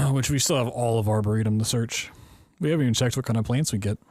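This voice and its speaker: A man's voice: medium pitch, fast, a little mellow, dry recording, clean studio sound. A man giving casual speedrun commentary, informally thinking aloud as he plays. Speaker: speedrunner, game streamer.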